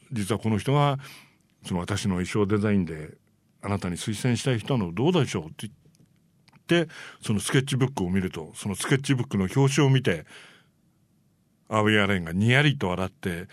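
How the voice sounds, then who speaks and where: A man's voice: fairly low pitch, dry recording. A male host telling film history stories in a chatty way, full of fillers and small acted-out quotes. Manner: animated, briefly acts out quoted people. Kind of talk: casual storytelling about film history.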